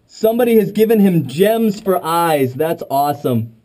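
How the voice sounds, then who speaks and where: This man's voice is on the high side, expressive and warm, at a moderate pace. He's a caver filming with a head-mounted camera in a cramped underground space, rambling and joking wryly as he chats.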